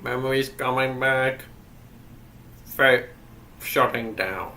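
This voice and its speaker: A man playfully voicing a male robot in halting, clipped phrases during a gameplay stream. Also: medium pitch, sharp tone, a little hiss or hum. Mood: deadpan robotic. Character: flat-voiced male robot, slow, clipped and mechanical. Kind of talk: playful voice during game commentary.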